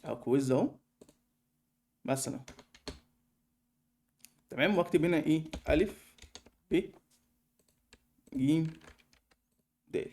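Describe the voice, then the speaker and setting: A young man with an Egyptian Arabic accent walking through a screen-recorded software tutorial in a fast, chatty way, with many fillers. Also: a little high. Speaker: online course tutor.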